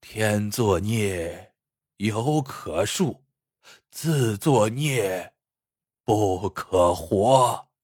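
A man voicing a stern, shrewd elderly mother-in-law who speaks slowly and heavily in a storybook reading. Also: lowish voice, sing-song, breathy edge, dry recording, studio quality, heavily acted. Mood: grave, deliberate. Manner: slow, heavy, measured speech.

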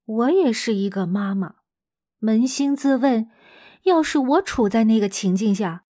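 A female teacher telling a story to children in a lively, chatty way, speaking straight to her young listeners. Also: fairly high pitch, unhurried.

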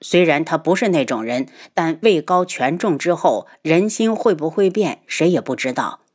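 Cold aloof prince, low and steady, storybook reading, voiced by a woman. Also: normal speed. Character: calm cool-tempered noble prince, man.

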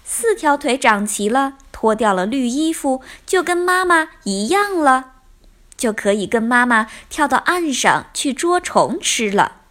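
A woman voicing a warm, patient mother frog who speaks in a tender, reassuring way. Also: sits high, very animated, measured pace, exaggerated voice.

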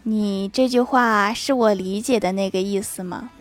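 A woman narrating short comic anecdotes with lively delivery and wry asides. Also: medium pitch, moderate pace. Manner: lively, switches voices for quoted characters, laughing asides. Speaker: joke narrator. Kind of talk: storytelling funny anecdotes with quick asides.

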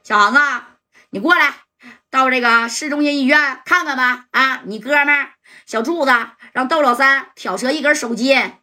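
A woman voicing a decisive male gangster, talking in a quick, urgent way. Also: high voice, pushed and bright.

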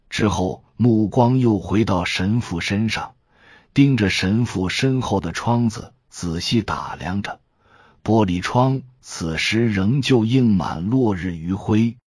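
Slow, husky male storyteller. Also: fairly low pitch, a little mellow, no echo, clean studio sound. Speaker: audiobook narrator. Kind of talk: storytelling audiobook narration.

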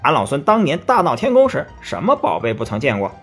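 A man's voice: mid-range voice, wildly swooping pitch, quick pace, fairly bright tone, breathy edge, faint music behind, full character voice. A man voicing a boastful, eager male monkey king in a storybook tale.

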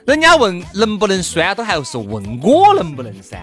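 A man's voice: sits high, huge pitch swings, normal speed, a bit bright, faint music behind. A man with a Sichuanese accent, lecturing animatedly in casual chat.

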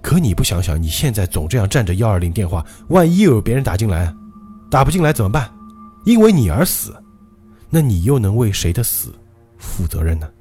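A man doing a shrill, desperate young wife. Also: big pitch swings, quick pace, dark tone, faint music behind, close to an everyday voice. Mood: scolding. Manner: pleading, panicky.

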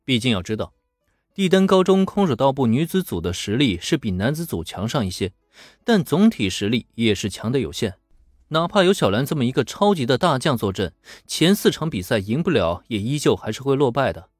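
In clean studio sound with no echo, a man with a mid-range voice narrates a serial story briskly. His delivery is chatty and animated with colloquial asides, and faint music plays in the background.

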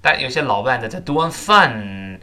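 A man teaching English pronunciation, explaining in a conversational tone and repeating phrases slowly and emphatically for learners to echo. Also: mid-range voice, sing-song, sharp tone. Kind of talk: spoken English pronunciation lesson.

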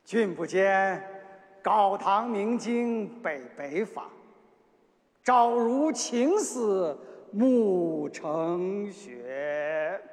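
A man with a Shaanxi accent recites classical poetry theatrically, his voice extremely high and swooping widely in pitch. He declaims in drawn-out phrases. The sound rings with long hall reverb. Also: animated. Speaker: poetry performer.

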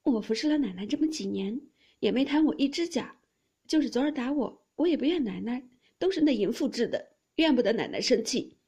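A woman voicing a young maidservant who speaks humbly and pleadingly, in a breathy voice. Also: a little high, expressive, a little fast, dark tone, pitched above the performer's own voice. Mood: humble.

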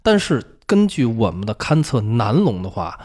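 A man's voice: medium pitch, sing-song, normal speed, darkish tone. A man with a Beijing accent explaining things in casual talk as a feng shui expert, emphatic, repeating phrases and answering his own questions.

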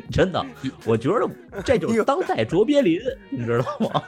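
A man in casual chat, telling crude jokes, swearing freely and laughing loudly at his own punchlines. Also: sits high, huge pitch swings, normal speed, soft background music.

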